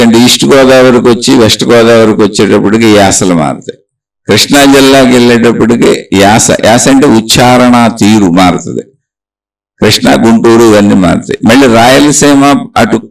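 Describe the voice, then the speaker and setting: Gravelly man giving a spiritual talk. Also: mid-range voice, distant mic, low-quality recording. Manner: slow, reflective, listing examples. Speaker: spiritual teacher. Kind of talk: spiritual discourse.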